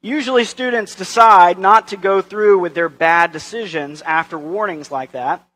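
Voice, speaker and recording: A man's voice: high-pitched, moderate pace, fairly bright tone, poor audio. A man, preaching a sermon in a conversational way and acting out quotes with playful voices.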